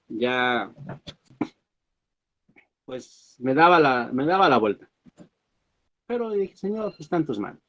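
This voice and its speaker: Hesitant pastor telling a testimony. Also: male voice, medium pitch, highs cut off. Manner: halting storytelling with many fillers and restarts. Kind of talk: sermon testimony.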